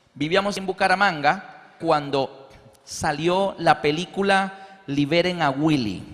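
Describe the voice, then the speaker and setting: A man preaching a sermon as an animated storyteller who acts out the voices in his stories. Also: fairly high pitch. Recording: long hall reverb.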